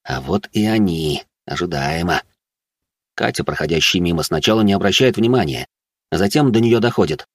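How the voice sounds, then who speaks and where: A man narrating a first-person fantasy audiobook in a low-key, wry way. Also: animated, normal speed, no echo, clean studio sound.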